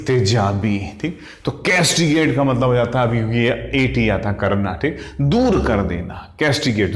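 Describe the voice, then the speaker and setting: Guy teaching english vocab for exams, slow and steady, keeps going "okay?", roomy echo. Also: mid-range voice. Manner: explains words step by step, says "ठीक?" after nearly every phrase; mimics shrieks and howls to act out sound words. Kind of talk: Hindi-English exam vocab lesson. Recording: echoey room.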